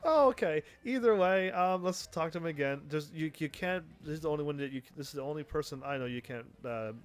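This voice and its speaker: A man's voice: fairly high pitch, quick pace. A man giving casual live gameplay commentary, rambling and thinking aloud as he plays. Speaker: game streamer.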